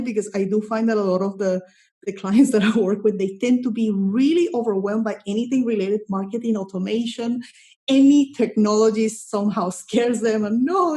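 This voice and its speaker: A woman's voice: on the high side, dark tone. A middle-aged woman from Colombia, a guest in an interview, talking enthusiastically and often repeating words as she searches for phrasing. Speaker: guest, content strategist. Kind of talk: casual interview talk.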